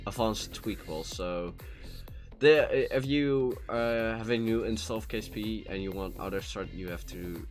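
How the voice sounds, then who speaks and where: With a lowish voice and a measured pace, a Dutch gaming streamer chats casually in a Dutch accent. His live-stream talk wanders, full of fillers and restarts, going into a cheap USB microphone while soft background music plays.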